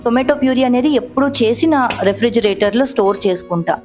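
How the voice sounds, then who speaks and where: A woman's voice: on the high side, fast, a little mellow, soft background music. Chatty woman narrating a home cooking vlog. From Telugu-speaking India. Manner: chatty, explanatory, mixing English words into Telugu. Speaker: cooking vlogger. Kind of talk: voice-over narration of a cooking video.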